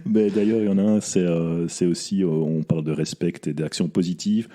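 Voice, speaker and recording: A man's voice: low voice, steady tone, brisk, mellow. A man hosting a podcast interview, chatting casually with frequent fillers and restarts. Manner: hesitant, many fillers and restarts. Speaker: podcast host.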